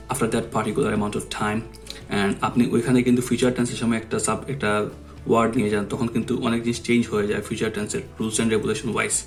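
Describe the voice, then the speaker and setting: A man's voice: lowish voice, vocal fry. A young man explaining exam tips casually in a vlog, slipping English phrases into his talk. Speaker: vlogger.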